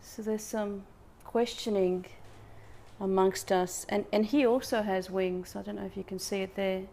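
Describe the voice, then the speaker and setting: A woman with a medium-pitched voice gives an oracle card reading in the manner of a fortune teller. She speaks to live viewers in a reflective, spiritual way, wandering between the wording of the cards and her own thoughts. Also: steady tone, unhurried, vocal fry, dark tone, slight background noise. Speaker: oracle card reader hosting a live session.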